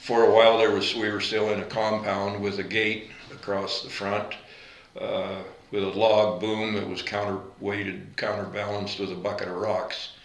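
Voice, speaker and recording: A man in his eighties, born in Latvia, recalling his life in an oral history interview, unhurried and halting with fillers and self-corrections. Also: on the low side, level tone, reverberant, low-quality recording. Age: 80s. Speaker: veteran interviewee.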